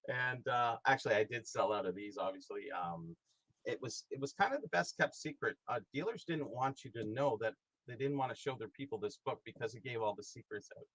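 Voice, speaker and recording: A man's voice: mid-range voice, animated, a little fast, a bit bright, breathy edge, no echo, poor audio. A middle-aged man talking casually as a guest, rambling with many fillers and restarts. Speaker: guest, hobby historian and price guide author. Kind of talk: casual conversation.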